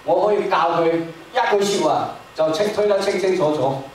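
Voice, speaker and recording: High-voiced man preaching in an echoey hall. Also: moderate pace, slight background noise. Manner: emphatic, repetitive. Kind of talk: sermon. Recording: echoey hall, distant mic.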